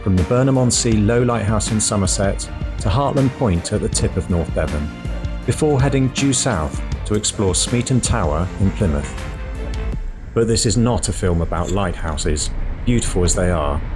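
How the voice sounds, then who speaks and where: Low-voiced man, calm reflective walking-vlog narrator, relaxed and unhurried, faint music underneath. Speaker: walking vlogger. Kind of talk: calm documentary narration and on-the-trail vlogging. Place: outdoors on a countryside walk, partly voice-over.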